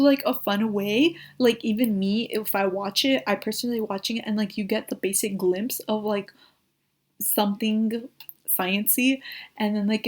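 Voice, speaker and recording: A young woman talks to her viewers in a loose, casual chat. She gushes over her favourites, and nearly every phrase is padded with "like". Her voice sits at an ordinary middle pitch for a woman. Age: young adult. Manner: gushing, says "like" constantly. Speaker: YouTuber reviewing shows.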